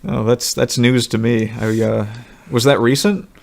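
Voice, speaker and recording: A man in casual political talk, making deadpan sarcastic jokes. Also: mid-range voice, measured pace, gravelly. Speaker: podcast co-host.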